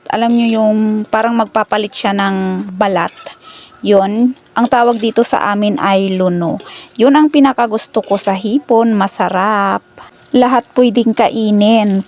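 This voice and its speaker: A woman with a Filipino accent narrating a casual outdoor cooking vlog, chatty and upbeat, often calling the viewers guys. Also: medium pitch. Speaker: cooking vlogger. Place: outdoor home kitchen with wood fire.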